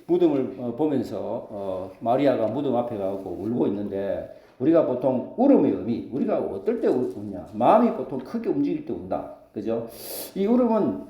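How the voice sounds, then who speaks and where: A pastor preaching a sermon, throwing rhetorical questions to the congregation. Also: male voice, medium pitch, echoey room. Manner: lively preaching with call-and-response questions. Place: church sanctuary.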